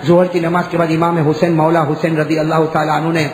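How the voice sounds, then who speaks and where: A man preacher giving an impassioned sermon, repeating phrases, asking the gathering questions and swinging from hushed tones to shouts. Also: a little high, completely flat delivery, a little hiss or hum. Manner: asks the crowd questions and addresses them as dear ones. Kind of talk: Muharram sermon. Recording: echoey hall reverb.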